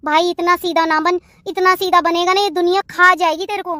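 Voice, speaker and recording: A woman's voice: very high voice, fairly even intonation, a little fast, sharp tone, no echo, studio quality. A woman voicing a bossy, protective sister-in-law in a cartoon, lecturing in a domineering way.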